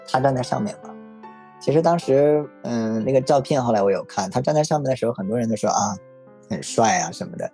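A man casually telling a personal story in a relaxed, frank, reflective way. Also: fairly low pitch. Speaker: story guest.

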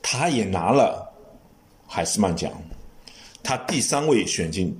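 A man hosting a casual sports podcast chat, giving long lively explanations with frequent restarts. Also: lowish voice, measured pace. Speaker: podcast host.

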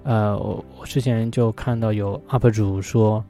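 A man talking on his own about poetry in a relaxed, thoughtful way, often pausing on fillers as he thinks aloud. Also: on the low side, soft background music. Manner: thoughtful, hesitant, many fillers. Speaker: vlogger. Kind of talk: casual solo talk about poetry.

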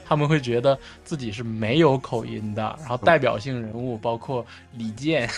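Speaking with a Northeastern Chinese accent, the man co-hosts a podcast in casual conversation, his explanations halting and his phrases often repeated. His voice is medium-pitched, and faint music can be heard behind him.

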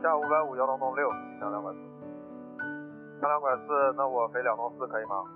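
A man's voice: mid-range voice, brisk. A man, an airline pilot, reading back air traffic control instructions over his cockpit headset radio in terse, clipped procedural phrasing. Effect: pilot speaking over a cockpit headset radio. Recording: narrow phone-like radio band with music.

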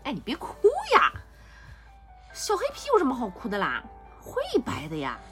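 Soft music plays as a mother talks with her little daughter at bedtime at home, playfully teasing, laughing a lot and calming her. She has a medium-pitched voice whose pitch swoops wildly, at a moderate pace.

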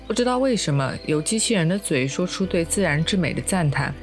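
A woman's voice: fairly low pitch, lively intonation, brisk, soft background music. Reflective woman podcast host. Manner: reflective, conversational. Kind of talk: narrated podcast with scripted segments.

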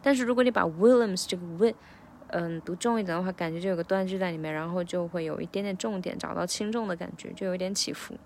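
A woman's voice: fairly low pitch, darkish tone, a little hiss or hum. A woman, an English teacher, casually talking through her lyric practice in a reflective vlog. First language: Chinese. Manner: reflective, breaks lyrics into slow drills.

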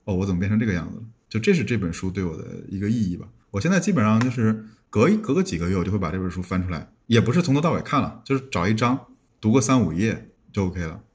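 Male podcast guest, fast and a bit husky, thinks out loud with frequent restarts. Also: on the low side, very animated. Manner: musing, often restarts words. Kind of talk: casual podcast chat.

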